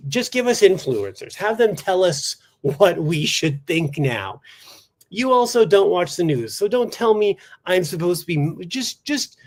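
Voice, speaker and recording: A man hosting a solo comedy podcast in a studio, ranting sarcastically with deadpan asides and bursts of mock outrage. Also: sits high, a little slow. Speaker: podcast host.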